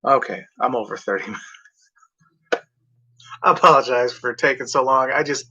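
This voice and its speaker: A man's voice: mid-range voice, normal speed, bright, forceful tone, slightly rough. A man rambling casually and off script in a vlog, meandering between stories and swearing freely. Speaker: vlogger. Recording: dull lo-fi recording.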